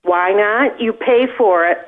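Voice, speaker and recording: A woman speaks over a landline phone with a thin, tinny sound. She is firm, curt and unwilling to give in. Her pitch sits in the middle of the usual range for a woman. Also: unhurried. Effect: heard over a landline phone. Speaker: call recipient. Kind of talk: phone conversation.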